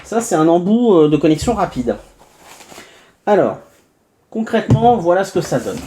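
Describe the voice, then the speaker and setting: A man's voice: high voice, sing-song, moderate pace, background noise. A man from France hosting a casual unboxing review, chatty and full of hesitations and little asides as he narrates each step. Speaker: tech reviewer.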